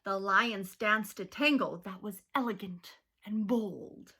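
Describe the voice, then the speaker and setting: A woman teacher reading a rhyming picture book aloud to children, slow and expressive. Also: medium pitch, slightly rough.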